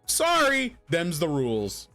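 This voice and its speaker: Male streamer, lively swoops, slightly high register, foul-mouthed blunt rants, loose off-the-cuff delivery. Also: slow, faint music behind. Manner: profane, blunt, ranting; rambling, stammering repetition. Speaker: streamer reacting to a video. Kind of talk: casual livestream commentary.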